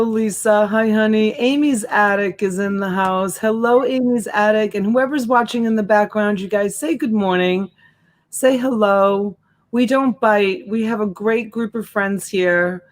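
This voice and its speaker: Speaking into a desk USB microphone in a shelved room at home, a forties-aged woman runs a relaxed live-stream auction, welcoming viewers by name with terms of endearment. Her voice is medium-pitched and steady, unhurried, with a faint Boston accent.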